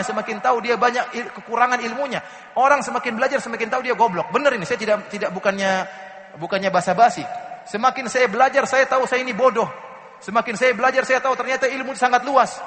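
A man's voice: very high voice, fairly bright tone, long reverb tail. A man giving a religious lecture, earnest, asking rhetorical questions and reciting Arabic verses. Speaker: preacher.

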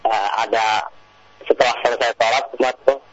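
A male caller to a call-in program who talks haltingly, with many fillers and restarts. He comes through a phone line that keeps breaking up. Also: medium pitch, steady tone, dry recording. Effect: choppy phone line that keeps breaking up. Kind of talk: phoning in a question. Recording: dull, muffled call-in phone audio.

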